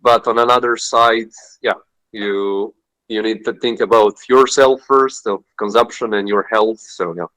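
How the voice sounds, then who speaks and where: A man's voice: fairly low pitch, steady tone, unhurried, a bit bright, no room sound, rough recording. Hesitant man speaking on a panel. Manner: hesitant, with fillers and restarts. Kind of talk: online panel discussion.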